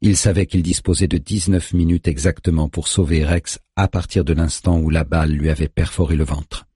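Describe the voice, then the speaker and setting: Deep, husky man narrating a thriller. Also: moderate pace, dry recording, studio quality. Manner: steady, tense storytelling. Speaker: audiobook narrator.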